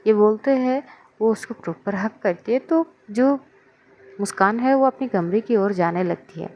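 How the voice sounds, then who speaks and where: A woman's voice: mid-range voice, moderate pace, lo-fi sound, a little hiss or hum. A woman narrating a serialized love story in a casual, conversational way. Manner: conversational, warm sign-off wishes.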